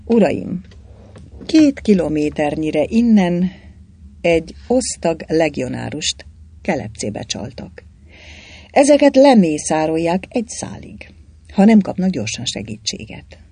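A reader voicing a bold, mysterious man who gives brisk orders, in a storybook reading. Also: medium pitch, very animated, mellow, breathy edge, no room sound. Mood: commanding.

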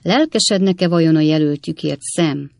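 A reader voicing Mr. Pickwick, an earnest, kindly elderly gentleman who asks and exclaims a lot, in a dry audiobook reading. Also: medium pitch, creaky, dry recording, lightly acted. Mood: earnest, inquiring.

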